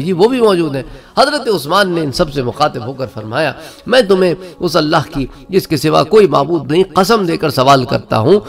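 A man's voice: fairly high pitch, gravelly. A man giving an Islamic history lecture, telling the story with quoted speech and recited verses. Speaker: religious lecturer.

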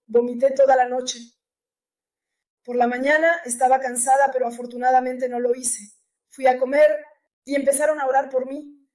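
Woman, high voice, testimony speaker, earnest and repetitive. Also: little pitch movement, moderate pace, a little mellow. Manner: earnest, repeats key phrases. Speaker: church testimony giver. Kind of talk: personal religious testimony.

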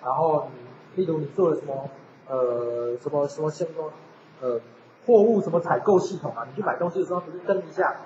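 A man teaching a university class, chatty and animated, often asking his students rhetorical questions. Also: on the high side, fairly quick, slight background noise. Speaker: university lecturer. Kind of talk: classroom lecture. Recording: echoey lecture hall, dull lo-fi sound.

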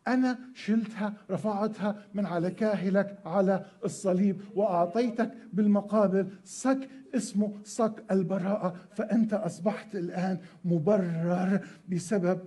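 A man delivers a sermon in a high, husky voice. He preaches emphatically, circling back to repeat key words and putting rhetorical questions to his listeners. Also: normal speed, dark tone. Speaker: pastor.

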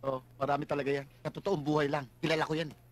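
A man playing a blustering male police chief in a slapstick comedy, shouting insults at his men. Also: fairly high pitch, flat delivery, racing, natural voice.

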